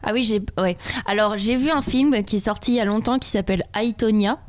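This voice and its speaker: A French woman, a podcast guest, chatting casually and tossing in quick jokes. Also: medium pitch, a little hiss or hum. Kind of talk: casual chat.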